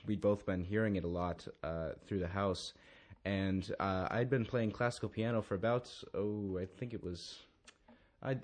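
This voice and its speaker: A man chatting casually in an interview, halting and correcting himself as he goes. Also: on the low side, a little mellow. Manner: halting, repeats words, self-correcting. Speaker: musician being interviewed.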